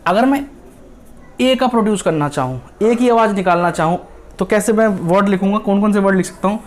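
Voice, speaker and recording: A man teaching how to read English, explaining patiently, spelling words out letter by letter and often checking that the listener follows. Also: high voice. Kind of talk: spoken English reading lesson.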